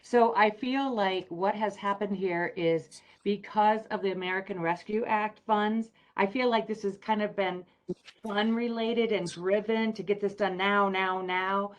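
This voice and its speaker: A woman calling in remotely to give a public comment, measured and concerned. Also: mid-range voice, steady tone. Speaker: online caller.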